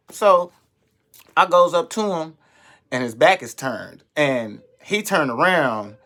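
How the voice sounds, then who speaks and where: A young adult man, a comedian, telling a story in an animated, profane way and acting out the voices of the people in it. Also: medium pitch. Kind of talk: storytelling monologue.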